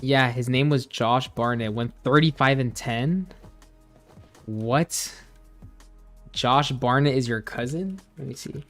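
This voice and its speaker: A man's voice: mid-range voice, slow, pauses often, faint music behind. Laid-back young male streamer chatting. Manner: rambling, laid-back, many fillers and restarts. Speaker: gaming streamer. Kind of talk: casual chat while gaming, reading chat.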